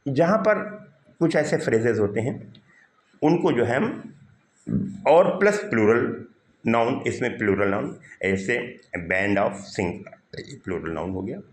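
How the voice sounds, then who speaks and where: An expressive male English teacher with a medium-pitched voice speaks slowly in a Hindi classroom grammar lesson. He explains step by step and answers the questions he puts to his students, and the room echoes noticeably.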